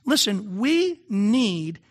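A man's voice: high-pitched, very animated, drawn-out words, husky. A male pastor giving a conversational sermon, often asking the congregation questions.

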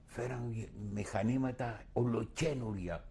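A man's voice: mid-range voice, warm tone, breathy edge. An older man in an oral history interview, recounting his past vividly and acting out his own words.

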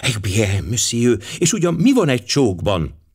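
A man voicing a pert young French lady's maid with a French accent, coy and excitable. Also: mid-range voice, husky.

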